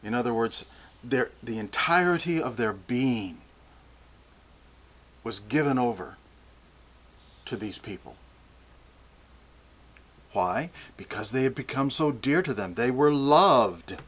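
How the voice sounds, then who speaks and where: An older man preaching a sermon, slow and deliberate, often restarting his phrases. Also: medium pitch, animated, a bit bright.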